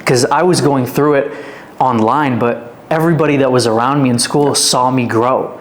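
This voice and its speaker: A man in his twenties from Canada, who is a fitness influencer, is a podcast guest recounting his life in a casual interview. His voice is mid-range and steady, at a normal speed. He tells the story in a rambling, filler-heavy way, saying "like" over and over.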